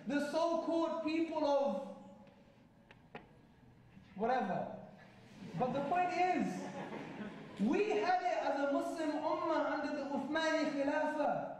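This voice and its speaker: A man speaks to an audience with emphatic, repetitive oratory, driving each point home. His voice sits high, and it comes from well back from the mic. It rings around a very reverberant hall, with a faint hiss of noise underneath. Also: slow pace, pauses often, distant mic. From Britain. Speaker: Islamic speaker addressing an audience. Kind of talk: impassioned public lecture.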